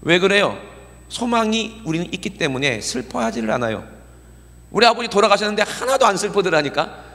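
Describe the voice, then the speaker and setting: A middle-aged pastor delivers a chatty sermon and keeps asking his listeners to agree. His voice sits a little high for a man. It rings out with a long reverb in the church. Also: very animated, fairly quick, sharp tone. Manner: conversational, keeps checking in with the congregation. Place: church sanctuary.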